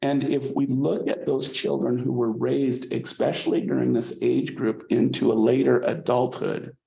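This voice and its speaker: A man's voice: mid-range voice, little pitch movement, moderate pace, vocal fry, mellow, roomy sound, poor audio. A man teaching a college psychology class in a conversational way, often checking in with the students by asking "okay?". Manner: conversational, frequent "okay?" checks, repeats words when restarting. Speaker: psychology instructor. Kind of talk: college lecture.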